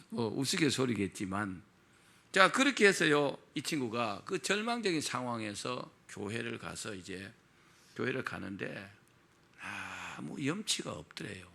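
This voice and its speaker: A middle-aged male pastor delivers a sermon in a gravelly, forceful voice. His pitch moves animatedly as he tells a story, and he keeps turning to the congregation with rhetorical questions. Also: sing-song, unhurried.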